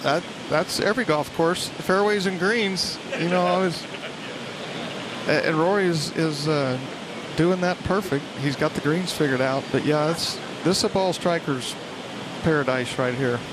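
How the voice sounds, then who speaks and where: A man working as a golf commentator, giving conversational analysis in a halting, think-aloud way. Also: a little high. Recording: clear outdoor background noise.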